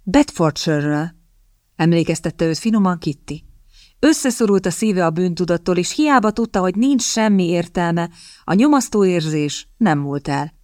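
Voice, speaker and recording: A woman narrating an audiobook in a calm, even storytelling manner. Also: fairly low pitch, dry recording, clean studio sound. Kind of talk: scripted narration.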